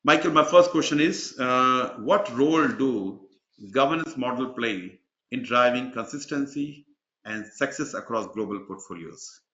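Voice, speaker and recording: A man's voice: mid-range voice, unhurried, fairly bright tone. A man hosting an online webinar, chatty and rambling, with many fillers. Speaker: webinar host and exam mentor. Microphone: video call. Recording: dull, echoey video call audio.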